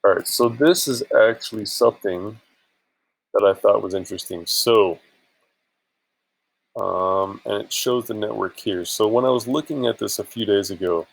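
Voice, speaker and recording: A man with a lowish, gravelly, slightly rough voice talks at normal speed on a low-quality recording. A vlogger and affiliate marketer, he chats casually for a screen-share vlog, rambling and hesitant, and sounds a bit tired.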